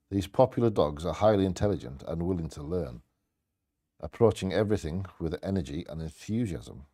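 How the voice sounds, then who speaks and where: Male co-host for bingo, low-pitched and warm, part scripted reading, part offhand chat. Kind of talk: reading short fact blurbs with casual asides.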